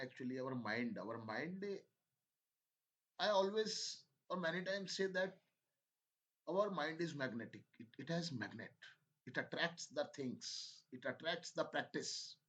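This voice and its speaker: Slow-speaking teacher, man. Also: medium pitch, a bit bright, poor audio. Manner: mixes Hindi and English, coaxing and repetitive. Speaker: English teacher. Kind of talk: classroom listening lesson, slow dictation.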